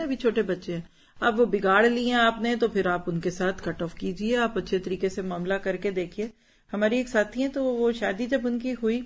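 A woman giving a religious talk as a teacher, persuasive and full of rhetorical questions, slipping English words into her speech. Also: medium pitch.

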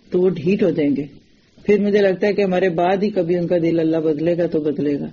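A woman's voice: on the low side, mellow, lo-fi sound, a little hiss or hum. A woman giving a religious lecture in an earnest, direct way, often putting rhetorical questions to her listeners. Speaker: religious teacher.

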